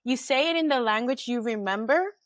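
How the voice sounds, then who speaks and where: A podcast host whose first language is Spanish chats reflectively in English during a casual conversation, using lots of "like" fillers. Her voice is a little high and brisk, recorded at studio quality with no room sound.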